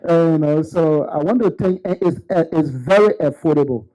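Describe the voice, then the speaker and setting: A man's voice: fairly high pitch, moderate pace, dark tone, poor audio. A man giving an earnest, unscripted graduation testimonial with frequent stammering restarts. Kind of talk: unscripted ceremony speech.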